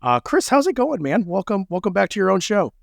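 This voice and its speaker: Brief: male podcast host, playful, lively pitch, dry close recording. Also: fairly quick, gravelly, dry recording. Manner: playful, joking. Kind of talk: casual podcast chat.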